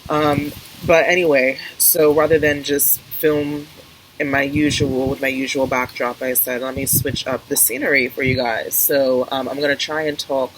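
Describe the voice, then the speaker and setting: A woman's voice: a bass voice, level tone, normal speed, low-quality recording. A woman talking casually to her viewers outdoors in an open garden, rambling and often restarting her sentences, as a video creator. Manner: hesitant, rambling, self-interrupting. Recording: windy outdoor garden recording, faint noise. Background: wind and outdoor ambience.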